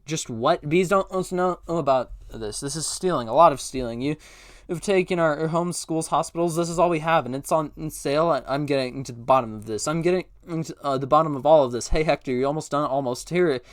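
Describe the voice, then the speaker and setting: A man's voice: fairly high pitch, dry recording, clean studio sound. A man reading a film script aloud at speed, tripping over words and correcting himself. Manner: stumbling, self-correcting, breathless. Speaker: script reader. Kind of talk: rapid comedic script read-through.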